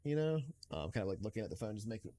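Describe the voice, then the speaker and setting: Deep-voiced man running a tabletop game. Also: very fast, crowd noise. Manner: relaxed and rambling, with fillers. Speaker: game master.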